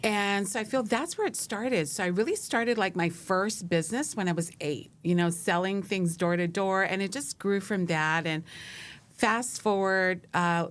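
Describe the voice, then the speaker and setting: A middle-aged woman from Hawaii, a business consultant talking in a steady, measured way as an interview guest. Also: lowish voice. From Hawaii, USA. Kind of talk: casual interview chat.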